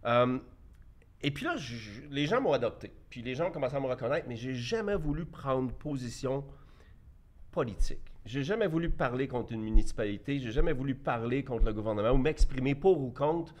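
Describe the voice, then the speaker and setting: Brisk and expressive, this mid-range male voice belongs to a man from Quebec in his fifties. An entrepreneur appearing as a debate guest, he states his views bluntly in a Québécois accent and frequently starts sentences over.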